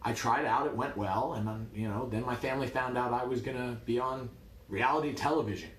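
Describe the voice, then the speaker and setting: A man from New York, a martial arts coach, telling a story in a lively, wry way. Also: mid-range voice, a little fast, roomy sound. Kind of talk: casual storytelling.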